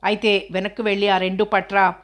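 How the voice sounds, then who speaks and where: A woman voicing a brusque male master of the house who gives curt, hushed commands. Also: medium pitch, little pitch movement, brisk, lightly acted. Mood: urgent, hushed.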